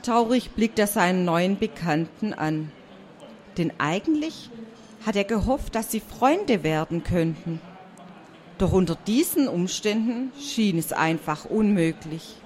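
A woman reads a children's story aloud, taking her time over every phrase. Her voice sits at a middle pitch and stays gentle and calm, in a soft storytelling way. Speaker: storyteller reading a children's book.

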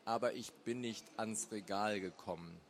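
A man doing a gruff, grumbling man. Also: moderate pace, natural voice. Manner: low, grumbling. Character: grumpy man in a wheelchair, gruff musician.

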